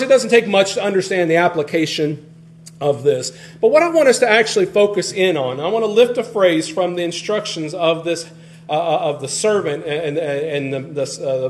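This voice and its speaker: High-voiced preacher, lively and conversational. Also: male voice, a little hiss or hum. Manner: conversational, animated, frequent restarts, varies loudness widely. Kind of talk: sermon.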